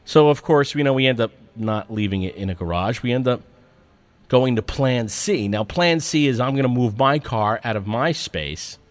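A man telling a personal story as a monologue, in an animated, profane and self-mocking way. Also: medium pitch, normal speed.

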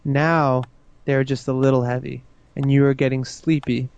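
A man guiding a listener into hypnosis with slow, soothing, repetitive suggestions. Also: medium pitch, flat delivery, creaky, darkish tone, clear, resonant tone, dull audio. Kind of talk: guided hypnosis induction.

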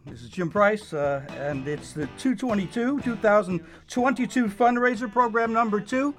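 A man hosting a radio fundraiser with casual banter, speaking in a halting, repetitive, pleading way. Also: sits high, a bit bright, faint music behind. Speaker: radio show host.

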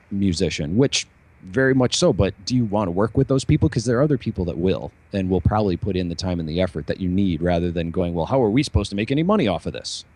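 A man's voice: low voice, mellow. A man talking casually as a musician and podcast host, rambling with many fillers and restarts. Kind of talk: casual chat.

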